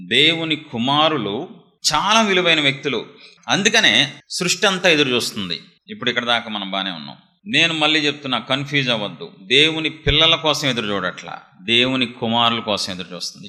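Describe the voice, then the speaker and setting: Forceful, sharp-voiced male preacher. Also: mid-range voice. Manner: emphatic, scolding, many rhetorical questions. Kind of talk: sermon.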